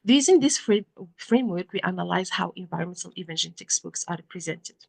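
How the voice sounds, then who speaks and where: A woman with a Moroccan accent presenting research at an academic conference in a halting, often self-correcting way. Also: lowish voice, animated, creaky, slightly rough. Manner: hesitant, halting delivery with frequent self-corrections.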